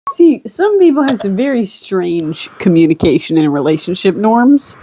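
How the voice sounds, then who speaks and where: A woman's voice: mid-range voice, big pitch swings, moderate pace, mellow, a little hiss or hum, poor audio. A woman co-hosting a podcast with casual banter and dry, teasing interjections. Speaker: podcast co-host.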